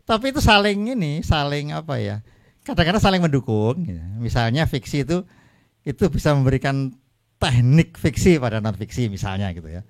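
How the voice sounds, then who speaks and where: Lively chatty older man. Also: medium pitch, moderate pace. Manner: chatty, laughs often, trails off with "gitu". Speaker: author guest at a book talk. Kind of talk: relaxed conversational talk.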